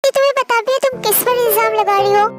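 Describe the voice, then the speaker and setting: A woman's voice: very high-pitched, quick pace. A woman voicing a young male friend who doubts and lectures, in a storybook dub with music behind. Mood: doubtful. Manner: disbelieving, lecturing. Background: background music.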